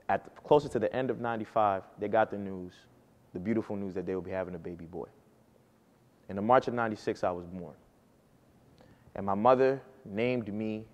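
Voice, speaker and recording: A man in his early twenties with a lowish voice tells a personal story to an audience, earnest and emphatic, his voice rising and falling for effect. It sounds like it was recorded in a big room.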